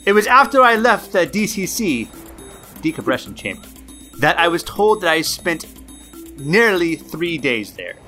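A man's voice: on the high side, very animated, measured pace, sharp tone, soft background music, pitched above the performer's own voice, full character voice. A man voicing a rescued male diver in a clumsy mock Nigerian accent. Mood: awed. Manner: self-admittedly clumsy accent attempt.

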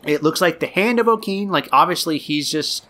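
A man co-hosting a podcast, telling a story in an animated, casual way full of likes and fillers. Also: on the high side, moderate pace.

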